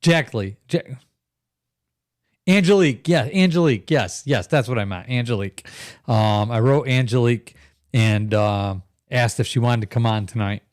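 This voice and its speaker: A man's voice: mid-range voice, normal speed, a little mellow, dry recording, studio quality. A middle-aged man hosting a live podcast stream in a rambling, chatty way, laughing often and reading viewer comments aloud. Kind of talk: casual live-stream chat.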